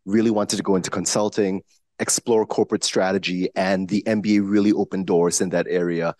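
A man from Singapore answers panel questions in a measured, articulate way. His voice is very deep. The sound is dry. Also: flat delivery, a little mellow, no room sound. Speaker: alumni panelist. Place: large university lecture hall.

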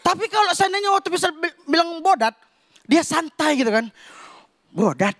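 High-voiced Medan stand-up comic. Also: male voice, a little fast, very noisy. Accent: Medan Indonesian. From Medan, Indonesia. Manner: animated, loud punchlines, acts out characters. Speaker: stand-up comedian. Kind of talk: stand-up routine. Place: comedy stage before a live audience.

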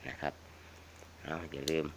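A man's voice: moderate pace, noisy background. A man with a northeastern Thai Isan accent chatting casually and repetitively to viewers as a folksy vlog host, addressing them like family. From northeastern Thailand (Isan). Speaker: video channel host. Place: outdoors around a house.

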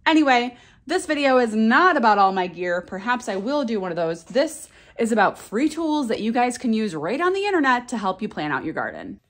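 A woman's voice: fairly high pitch, big pitch swings, a little fast. A woman in her thirties, a flower farmer, chatting enthusiastically in a casual vlog from her basement seed-starting room on a handheld phone camera.

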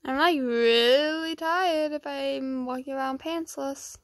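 Quiet, sleepy high-voiced young woman. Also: slow, dry recording, studio quality. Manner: quiet, hushed, so as not to wake someone asleep. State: tired, just woken up, dry-throated. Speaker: gaming vlog host. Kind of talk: casual gameplay chat. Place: indoors at home.

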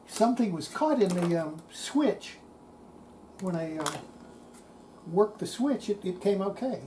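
With a medium-pitched, mellow, and animated voice, an older woman talks at a measured pace. She's muttering to herself while restoring a radio at a cluttered indoor workbench, giving casual commentary in a noisy workshop recording.

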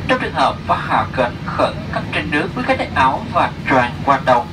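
A man's voice: fairly high pitch, sing-song, fairly quick. A man with a Vietnamese accent gives a scripted, bilingual flight safety demo announcement as cabin crew over an aircraft PA. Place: inside an airliner cabin. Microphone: cabin PA picked up by distant camera. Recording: noisy aircraft cabin PA, distant. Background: loud aircraft ambience.

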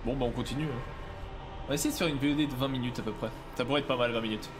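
A young man giving casual gaming commentary as a let's play streamer, excitable, shouting and yelping at the game. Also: mid-range voice, very fast, background noise.

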